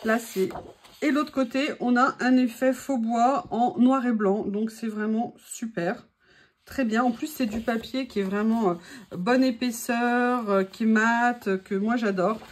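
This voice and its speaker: Upbeat french woman showing off craft paper, highish voice, lots of euh and pauses. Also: steady tone. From France. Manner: enthusiastic, many fillers and hesitations. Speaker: crafting vlogger. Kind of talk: casual product haul chat.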